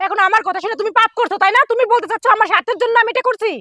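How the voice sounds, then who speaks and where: An actress playing a reassuring but defensive young daughter-in-law in a family drama, talking in an insistent, conversational way. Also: female voice, very high-pitched, fairly even intonation, rapid-fire, sharp tone, no echo, clean studio sound. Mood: hurt, indignant. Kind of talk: Bengali family TV drama acting.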